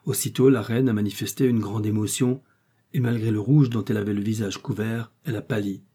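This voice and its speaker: Man voicing a loyal count, brisk, confidential, husky, mellow. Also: fairly low pitch, fairly even intonation. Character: loyal male count, a spy reporting.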